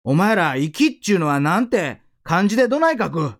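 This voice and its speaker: A man's voice: high-pitched, very animated, brisk. A man voicing a stern but caring band teacher from Osaka, who talks bluntly and barks questions at his students in an Osaka accent. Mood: stern questioning.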